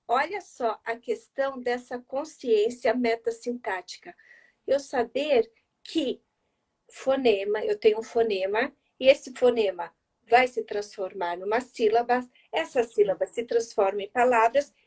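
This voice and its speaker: A woman educator on a live stream, explaining with rhetorical questions and answering viewers' questions by name. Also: on the high side. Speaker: speech therapy educator. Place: home, live video stream.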